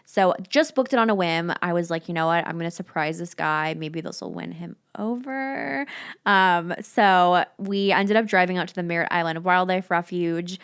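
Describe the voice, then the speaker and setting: A woman's voice: fairly low pitch, moderate pace, a bit bright, clear, resonant tone. Laid-back young woman telling stories. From South Florida. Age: 20s. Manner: laid-back, storytelling, playful. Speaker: guest. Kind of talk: casual podcast chat.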